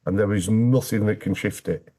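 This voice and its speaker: A man's voice: lowish voice, moderate pace, mellow. A British man speaking as an interview guest, telling his personal story candidly in a plain-spoken way with dry, wry humour.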